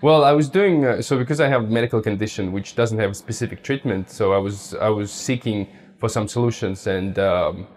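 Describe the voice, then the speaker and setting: A young man from Russia, answering interview questions about his treatment casually and haltingly, often restarting as he searches for words. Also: fairly low pitch, darkish tone. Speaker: patient interviewee.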